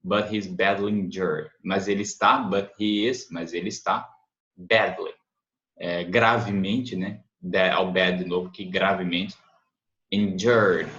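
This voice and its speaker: A Brazilian man with a lowish voice explains English phrases to learners, translating piece by piece and slowly repeating words to model pronunciation. His voice sounds a bit dull and lo-fi, with a noticeable echo from the room. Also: a bit bright. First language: Portuguese. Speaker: English teacher. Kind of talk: language lesson, translating and explaining. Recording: echoey, dull lo-fi room recording.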